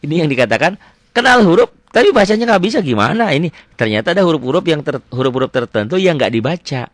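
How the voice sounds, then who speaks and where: Middle-aged man, Quran reading teacher, chatty, alternating hushed asides with loud stretched recitation, dry close sound. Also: a little high, big pitch swings, quick pace, dry recording. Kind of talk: casual online lesson.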